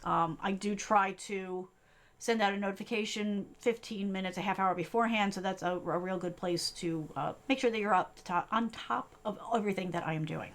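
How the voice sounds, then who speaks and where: A middle-aged woman from the US East Coast hosts a live tutorial stream as a tech coach. She talks quickly and conversationally, scattering fillers and "right?" checks through her points. Her voice sits at a middle pitch. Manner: fast, chatty, many fillers and tag questions.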